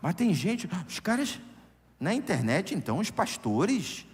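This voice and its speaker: A man's voice: sits high, big pitch swings, a little slow. A middle-aged Brazilian man preaching a sermon in church, conversational and humorous, telling anecdotes into a microphone. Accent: Brazilian Portuguese. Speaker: pastor. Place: church sanctuary. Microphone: handheld or stand microphone. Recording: long church hall reverb.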